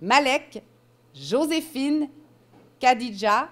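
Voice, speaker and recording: A woman hosting a public launch event, introducing guests and calling up students in a measured, formal way. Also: high voice, expressive, fairly bright tone. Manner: measured, announcing names. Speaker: event host.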